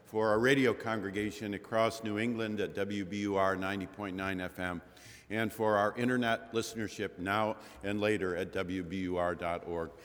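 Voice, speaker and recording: A man, a minister, leading a worship service with a measured, solemn delivery, his voice ringing with a cathedral-like echo in a large chapel. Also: on the low side, fairly even intonation, a bit bright. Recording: long chapel reverb, radio broadcast.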